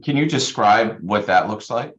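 A man's voice: fairly low pitch, animated, normal speed. A man hosting a casual webinar interview, asking probing questions and offering short affirmations.

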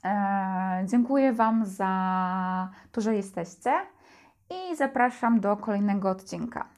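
Woman, language teacher, clear careful delivery, middle pitch. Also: darkish tone. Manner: slow, clear, repeats words for learners. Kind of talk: slow language lesson.

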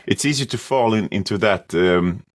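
Man, very low voice, halting speech, repeats words, band vocalist being interviewed. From Sweden. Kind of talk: casual interview.

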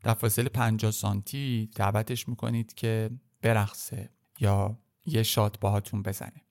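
A man reading a French novel aloud line by line, pronouncing each French sentence slowly and carefully and then translating it quickly in colloquial Persian. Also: fairly low pitch, level tone, creaky, darkish tone. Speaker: language teacher.

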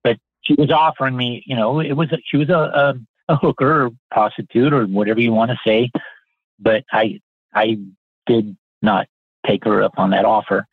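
A man's voice: mid-range voice, steady tone, normal speed, slightly rough, no echo. A man in his sixties, a podcast guest telling stories in a casual, earnest and polite way, often restarting his sentences. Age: 60s. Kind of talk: casual anecdotal storytelling. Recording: tinny phone-like line, dry.

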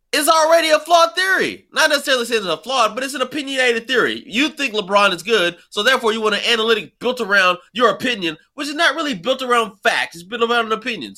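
A man's voice: sits high, bright, forceful tone. A man co-hosting a sports talk show, lecturing and dismissive as he argues his point. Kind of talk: heated sports debate.

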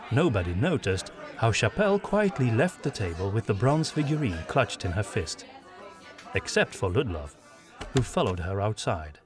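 A man reading a fantasy audiobook in a measured storytelling manner. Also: lowish voice. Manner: measured storytelling, doing all the voices. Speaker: narrator. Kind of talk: scripted audiobook narration.

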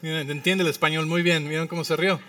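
A man's voice: fairly high pitch, flat delivery, fast, pushed and bright, distant mic. A man preaching as a pastor in a church, telling stories with humor and checking in with the congregation through frequent tag questions. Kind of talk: sermon. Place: church sanctuary.

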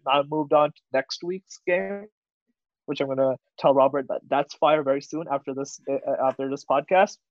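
A man's voice: fairly high pitch, dry recording. A teenage boy co-hosting a casual podcast, playful and rambling, full of "like" and restarts. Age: teens. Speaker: podcast co-host. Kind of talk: casual chat. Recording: dry, dull lo-fi sound.

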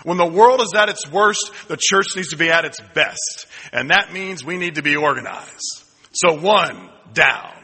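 A man's voice: on the high side, animated, measured pace, pushed and bright, husky. A man, a senior pastor, preaching a sermon in a conversational, humorous way and prompting his congregation. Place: church sanctuary. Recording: long reverb of a church hall.

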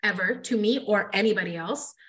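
A woman's voice: mid-range voice, brisk, a bit bright. A woman hosting a casual podcast chat, talking emphatically and addressing listeners directly. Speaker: podcast host, hair educator.

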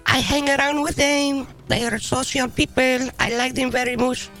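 A man doing a shrill complaining model wife. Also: level tone, moderate pace, bright, forceful tone, faint music behind, exaggerated voice. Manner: complaining, broken grammar, mock-serious. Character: high-voiced woman, a famous model's impression, angry wife.

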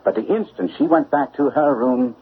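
In a classic radio drama, an actor plays a shrewd, self-assured male detective, explaining things with assured, precise, formal, incisive delivery. His medium-pitched voice moves at normal speed and is lightly acted, heard through a phone-like old radio recording with faint noise.

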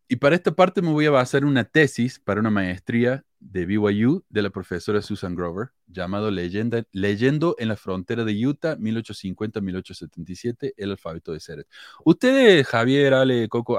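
Man, Argentine Córdoba accent, podcast host, lowish voice, very animated pitch, casual and blunt. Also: a little fast, dry recording, clean studio sound. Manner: lively, chatty, blunt with mild swearing. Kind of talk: casual explanatory podcast talk.

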